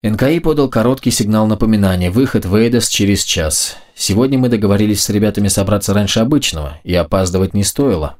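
Deep-voiced male audiobook narrator. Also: expressive, fast talker, hardly any pauses, darkish tone. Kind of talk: first-person audiobook narration.

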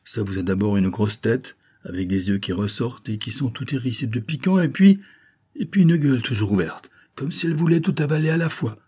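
A man's voice: brisk, breathy edge. A man doing a cheeky young ship's boy. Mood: teasing. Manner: high, excited, teasing.

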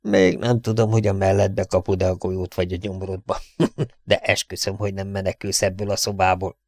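A sneering young villain, as a male audiobook reader puts him on, mocking his captives and laughing between threats. The voice sits fairly low with a dry, close sound. He gloats over every word. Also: level tone, darkish tone, dry recording. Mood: gloating, menacing. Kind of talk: audiobook character reading.

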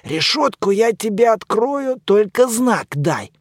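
A man's voice: high-pitched, very animated, slow pace, no echo, studio quality, voice pushed up, heavily acted. A man voicing a scheming mummy servant who eagerly plots an ambush.

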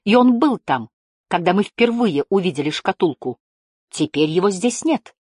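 A woman's voice: lowish voice, lively intonation, normal speed, darkish tone, slightly rough, dry recording, studio quality. A woman voicing a teenage boy hero, heated and accusing, his voice trembling. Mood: furious.

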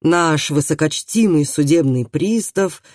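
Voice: mid-range voice, measured pace, darkish tone, no echo, natural voice. Brief: reader doing exasperated scoffing man, dry studio. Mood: scornful.

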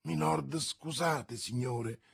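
A man with a husky voice voicing a young, hot-headed, jealous swordsman in an impassioned, pleading manner. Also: mid-range voice, slow, heavily acted.

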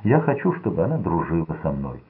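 A man voicing an unstable young gangster son who speaks in a slow, sulky, menacing way. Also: deep voice, big pitch swings, husky, exaggerated voice. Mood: sullen. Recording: tinny lo-fi narrow-band audio.

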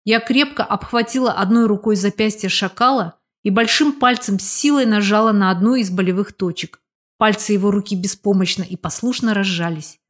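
Brief: female audiobook narrator, first person, steady and measured delivery. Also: medium pitch.

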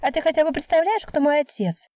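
A brash young woman athlete of about twenty, as a woman reader puts her on speaks in a raised, punchy voice, blunt and insistent. Her tone stays mellow and warm under the push. The recording is dry and close, like a storybook audiobook. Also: high-pitched, big pitch swings, quick pace, no echo, pitched above the performer's own voice. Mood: pushy.

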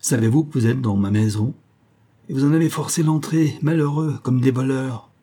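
A man's voice: medium pitch, moderate pace, warm tone, husky, pitched above the performer's own voice, natural voice. A man voicing an old, wild-haired innkeeper woman who shrieks threats in a fury. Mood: furious.

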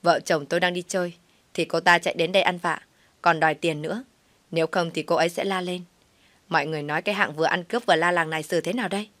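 A woman's voice: fairly low pitch, steady tone, normal speed, fairly bright tone, no echo, close to an everyday voice. Woman reading a cold, scornful young man. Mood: indignant. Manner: curt, mocking, raised voice.

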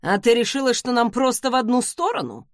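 A woman's voice: fairly high pitch, big pitch swings, a little slow, dry recording, clean studio sound. A woman reading the lines of a smug, charming young male academy student who teases with ironic remarks. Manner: teasing, ironic.

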